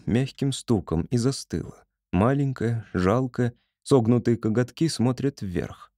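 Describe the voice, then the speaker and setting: A man narrating an audiobook with expressive storytelling. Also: medium pitch, no room sound, clean studio sound.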